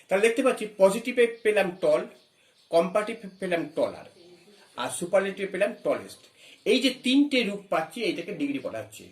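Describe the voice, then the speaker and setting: A man's voice: sits high, big pitch swings, echoey room. A man teaching an English grammar lesson, explaining step by step, asking questions and spelling words letter by letter. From West Bengal. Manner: reads English phrases slowly.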